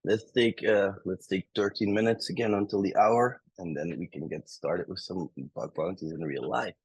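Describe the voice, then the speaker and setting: A man's voice: low voice, normal speed, a little mellow, husky, no echo, poor audio. A man teaching bug bounty hunting in a casual livestream, chatty and making joking asides to his chat. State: a bit out of breath.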